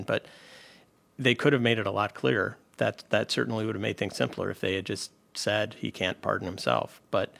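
Legal expert guest, man, low gravelly voice, lectures with lots of restarts. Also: fairly bright tone. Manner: lecturing, many restarts and fillers. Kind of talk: explanatory radio interview.

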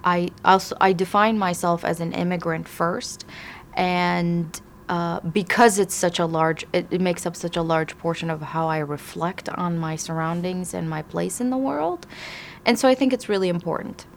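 A woman from Iraq, an immigration attorney, answering interview questions thoughtfully with frequent pauses and restarts. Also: fairly low pitch, vocal fry, slight background noise.

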